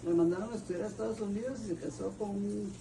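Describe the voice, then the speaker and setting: Speaking quickly in a creaky, medium-pitched voice, this older woman from Guatemala recounts family history for an oral history interview. She has a Guatemalan Spanish accent and wanders as she talks, starting over and searching for names. Birds coo loudly around a far-off microphone.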